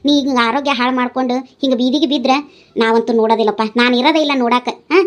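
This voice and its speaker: A woman's voice: a little high, fairly even intonation, rapid-fire, lightly acted. A woman voicing an older widowed village mother who scolds and pleads with her drinking son, in a North Karnataka Kannada accent. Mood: scolding. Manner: nagging, pleading, tearful.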